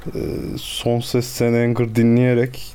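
A man's voice: mid-range voice, monotone, unhurried, mellow, clear, resonant tone. A man co-hosting a podcast who talks in a reflective, earnest way, explaining his ideas. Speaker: podcast co-host. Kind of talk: casual chat.

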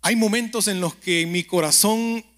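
High-voiced man preaching a chatty sermon. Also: normal speed, fairly bright tone. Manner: keeps asking the listener "¿verdad?"; speaks directly to the listener, telling stories. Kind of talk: conversational sermon with prayer.

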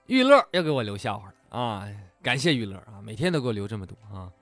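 A man's voice: fairly low pitch, big pitch swings, fast, fairly bright tone, no room sound, faint music behind. A man hosting a comedy show, reading out listener jokes with teasing wisecracks. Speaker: joke-reading show host.

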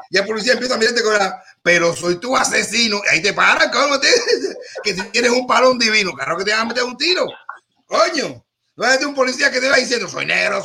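A man holds forth in a rambling, joking talk-show monologue. His voice sits high and rings very bright and forward. He stumbles, repeats himself and restarts, then drives the point home.

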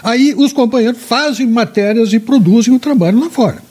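A man's voice: extremely high pitch, brisk, darkish tone, slightly rough. A man, a guest commentator arguing his points emphatically in a political talk show discussion. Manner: emphatic, argumentative, repeats words while searching for them.

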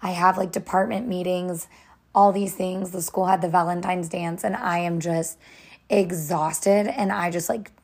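A young woman co-hosting a podcast in casual chat, loud and chatty, her voice slightly hoarse from tiredness. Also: on the low side, fairly even intonation, a little slow. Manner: loud, chatty, lots of fillers. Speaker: podcast co-host.

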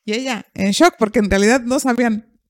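A woman's voice: a little high, a little fast, dry recording. A woman, a therapist hosting a podcast, telling a story in conversation and acting out the quoted dialogue.

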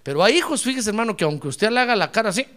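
A male pastor preaching a sermon, fervent, swinging from loud exclamations to quiet asides and often addressing his listeners directly. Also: high-pitched, very animated, very fast. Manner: repeatedly addresses listeners as "hermano".

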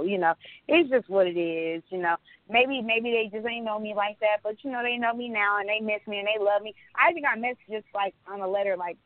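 A woman talks casually as a podcast host. Her medium-pitched voice comes through narrow and phone-like, with very little room echo. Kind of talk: casual chat. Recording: dry, thin phone-line sound.

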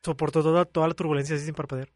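A young man with a Mexican accent telling an animated, laugh-filled story in casual podcast chat. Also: fairly high pitch, very fast, no echo, studio quality. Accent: Mexican Spanish. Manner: animated storytelling, laughs often, acts out voices. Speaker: podcast co-host. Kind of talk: casual chat among friends.

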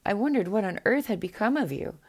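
A woman's voice: medium pitch, expressive, brisk, a little mellow, slightly rough, pitched above the performer's own voice. A woman reading as curt young Princess September. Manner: short, curt.

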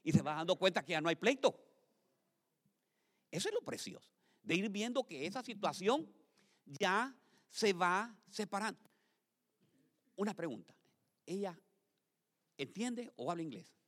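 Animated preacher man in a reverberant hall. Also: high-pitched, measured pace, long pauses. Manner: animated, rising to loud emphatic peaks; addresses congregation directly, calls for repetition. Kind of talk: sermon. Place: church.

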